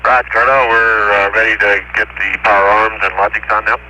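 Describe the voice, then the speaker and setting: An astronaut on the crew giving clipped, procedural callouts over air-to-ground space radio. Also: male voice, on the low side, level tone, normal speed, sharp tone. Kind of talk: terse radio exchange. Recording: distant archival radio with faint hiss.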